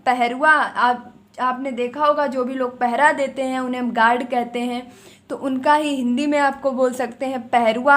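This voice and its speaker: A woman with a high voice teaching an exam-prep vocabulary lesson. She rattles through word lists and repeats the important ones for emphasis. She speaks straight to her viewers in a firm, coaxing way. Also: a bit bright. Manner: drills words in quick lists, repeats key items for emphasis.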